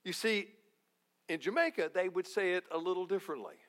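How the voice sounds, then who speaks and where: A man's voice: high voice, lively intonation, fairly quick, fairly bright tone. A male pastor preaching a sermon in a folksy, joking way, repeating key phrases for emphasis. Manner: folksy, jokey, emphatic repetition.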